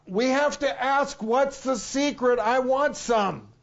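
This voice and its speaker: A man's voice: extremely high pitch, slow, creaky. A man presenting and interviewing as host of a TV talk show, in slightly dull sound.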